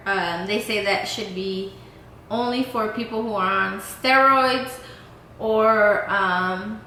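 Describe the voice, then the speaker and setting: A woman in her twenties hosts a casual Q&A vlog from an indoor lounge room, speaking loosely with plenty of "um" and "like." Her medium-pitched voice is slow, bright, and forceful, and the echoey recording carries a little hiss or hum.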